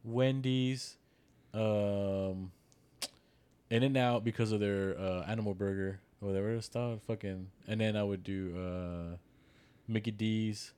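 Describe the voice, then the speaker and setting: A man co-hosting a casual podcast chat, loud and jokey, bursting into shouts. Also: fairly low pitch, steady tone, unhurried, clean tone. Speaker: podcast co-host.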